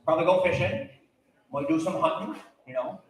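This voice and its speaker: A man's voice: fairly high pitch, fairly quick, close to an everyday voice. A man playing a folksy old hunter with a thick, mumbled Vermont accent, rambling through a live comedy sketch. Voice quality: thickly mumbled, hard to understand. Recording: very echoey live hall.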